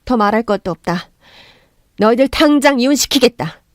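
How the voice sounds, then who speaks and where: A woman voicing a stern older mother who speaks in a low voice while holding back her anger. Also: expressive, normal speed, dry recording, clean studio sound, lightly acted.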